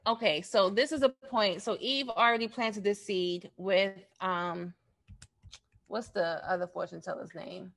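A woman's voice: medium pitch, steady tone, measured pace, gravelly, fairly bright tone. A woman co-hosting a casual film discussion, retelling scenes and acting out the characters' lines. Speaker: podcast co-host.

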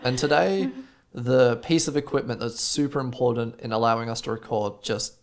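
At medium pitch and a moderate pace, an Australian man chats casually as a podcast co-host. He tells rambling stories full of "like" fillers.

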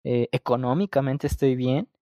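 A man's voice: mid-range voice, normal speed, warm tone, dry recording. A man with a Mexican Spanish accent shares his views as a podcast co-host. His voice sits in a middle range and is recorded dry and close. He thinks aloud and uses many fillers. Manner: reflective, explains with many fillers. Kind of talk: casual chat.

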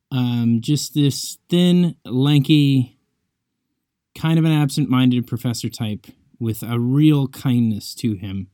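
A man's voice: mid-range voice, mellow, no echo, clean studio sound. Reflective man giving a devotional talk. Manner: reflective and conversational, with many pauses. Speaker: podcast host. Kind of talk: devotional talk and scripture reading.

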